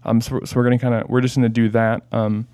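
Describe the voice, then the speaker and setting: Male podcast host, mid-range voice, easygoing and halting delivery. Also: mid-range voice, little pitch movement, dark tone. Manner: hesitant, many fillers and restarts. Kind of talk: casual chat.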